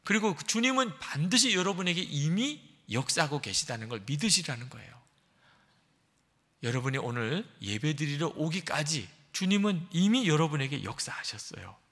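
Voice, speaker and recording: A man's voice: fairly high pitch, animated, moderate pace, a bit bright. A man preaching a sermon as pastor in a church sanctuary, telling stories in an earnest, emphatic way. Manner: earnest, emphatic storytelling with dramatic shifts. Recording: reverberant church hall.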